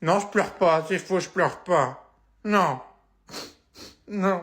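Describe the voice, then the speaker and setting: A man puts on a little boy's voice, high and thin, for a comedy skit. The child whines and pleads like a sulky youngest brother. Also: slow, fairly bright tone. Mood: sulking. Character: whiny sulking little boy, youngest brother.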